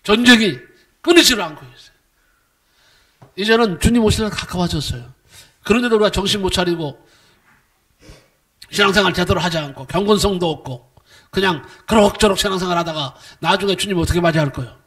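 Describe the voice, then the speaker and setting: A man's voice: high-pitched, a little fast, pauses often. A middle-aged male pastor preaching a sermon, emphatic, firing rhetorical questions at the congregation and acting out quoted voices. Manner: acts out quoted voices with sudden swings in loudness.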